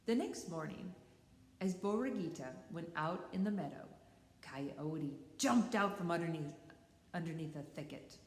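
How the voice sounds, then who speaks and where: A woman telling a folktale aloud as a storyteller, expressive, acting out the characters' voices. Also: on the low side, takes it slowly. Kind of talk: bilingual read-aloud storytelling. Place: library. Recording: roomy library hall.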